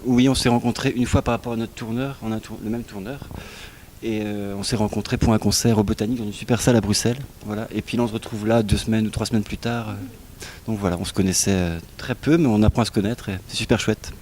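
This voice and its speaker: Relaxed Belgian man musician. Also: lowish voice, quick pace, a little hiss or hum. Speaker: musician guest. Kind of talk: casual interview answers.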